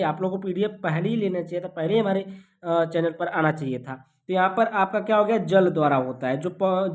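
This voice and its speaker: A woman teacher walking students through exam answers, repeating each point and checking in constantly with rhetorical questions. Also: medium pitch.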